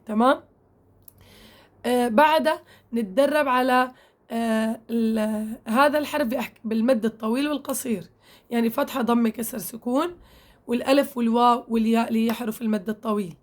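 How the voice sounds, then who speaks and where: High-voiced woman teaching Quran recitation. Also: a little fast, long pauses. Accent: Levantine Arabic. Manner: explanatory, checks in with "okay?" often, demonstrates sounds. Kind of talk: tajweed lesson, addressing female learners.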